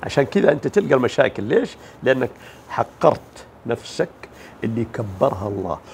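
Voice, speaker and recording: A man's voice: medium pitch, big pitch swings, fast, a little mellow, a little hiss or hum. A man giving a motivational religious talk, emphatic, asking rhetorical questions and mimicking the people he describes. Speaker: motivational speaker.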